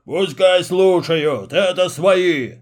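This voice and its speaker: A man's voice: sits high, takes it slowly. A man voicing an angry, greedy bearded puppet-master who roars and growls, in a storybook reading. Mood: furious. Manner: roaring, growling.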